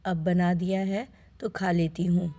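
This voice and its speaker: A woman voicing a nagging, sharp-tongued older mother-in-law in a spoken family story, scolding and complaining as she speaks. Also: lowish voice, level tone, unhurried.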